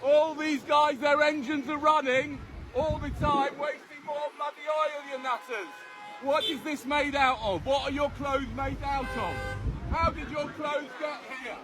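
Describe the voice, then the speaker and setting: A man scolding people out on a street, shouting angrily. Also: very high-pitched, fairly even intonation, measured pace. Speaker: bystander confronting protesters. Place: outdoor street with traffic. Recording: street crowd with music over it.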